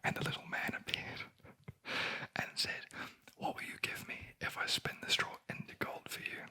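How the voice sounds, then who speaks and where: A sleep story narrator whispering a fairy tale in a breathy ASMR voice, with dry, wry asides. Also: normal speed. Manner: wry, deadpan commenting on the story.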